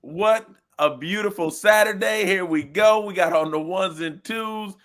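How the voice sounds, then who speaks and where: A man's voice: high-pitched, unhurried. Hyped man hosting a sports show. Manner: animated, hyped, loud exclamations. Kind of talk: casual sports talk. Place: small studio.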